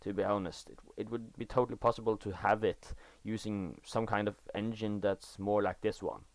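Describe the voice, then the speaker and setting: This dry, post-gameplay voice-over features a Norwegian teenage boy, a gaming video creator using English as a second language. His fairly low voice barely moves in pitch as he casually narrates his footage, halting and correcting himself yet excited about game details.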